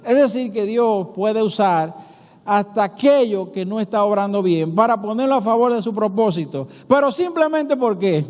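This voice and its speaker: A man's voice: sits high, moderate pace. A male pastor with a Dominican Spanish accent preaching a sermon, telling stories conversationally and asking his congregation rhetorical questions. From Dominican Republic. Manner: animated storytelling, acting out dialogue between biblical figures. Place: church sanctuary. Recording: long church reverb.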